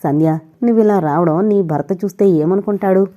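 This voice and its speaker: A woman's voice: mid-range voice, mellow, natural voice. A woman doing a breathless dying young man. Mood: faint. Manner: halting, short of breath.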